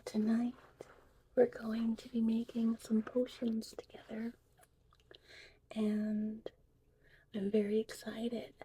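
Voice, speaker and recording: An ASMR creator plays a gentle, mystical witch who teaches potion making, speaking mostly in a soothing, slow whisper with a medium pitch. The whispered roleplay includes guided breathing and narration. The audio is clearly noisy, styled like a vintage VHS tape.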